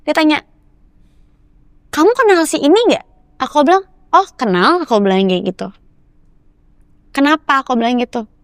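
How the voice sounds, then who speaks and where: A young woman telling a story in a casual podcast interview, animated and acting out the voices of the people she quotes. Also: high-pitched, moderate pace, long pauses, no room sound, clean studio sound. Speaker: guest actress.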